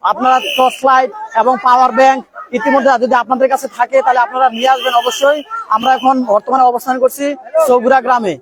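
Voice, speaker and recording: Very high-pitched, urgent male field reporter. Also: flat delivery, fast talker, rough recording. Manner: urgent, repetitive appeals and warnings. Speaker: live reporter at a flood scene. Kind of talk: live on-the-spot flood reporting. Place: outdoors among a crowd at a riverbank. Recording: outdoor field recording with crowd noise.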